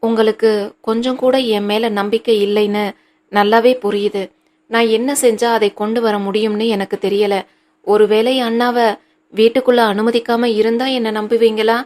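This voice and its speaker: A tearful young wife, pleading and earnest, her words held on a narrow, even pitch, as a woman reads her aloud. The storybook voice stays controlled and level. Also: moderate pace, lightly acted.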